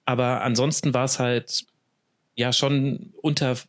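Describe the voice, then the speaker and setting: A man in his thirties from Franconia, chatting as a guest on a podcast. He talks with eager enthusiasm, stumbling over restarts and fillers as his thoughts run ahead. His pitch sits in an ordinary middle range. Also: steady tone, measured pace. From Franconia, Germany. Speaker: sports journalist guest. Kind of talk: casual podcast interview.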